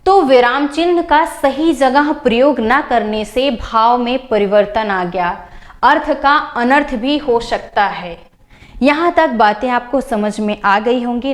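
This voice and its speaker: Slightly high-voiced woman teaching grammar. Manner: explains by repeating and rephrasing, slows to stress examples; lists items one by one in a measured classroom tone. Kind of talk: spoken grammar lesson over slides.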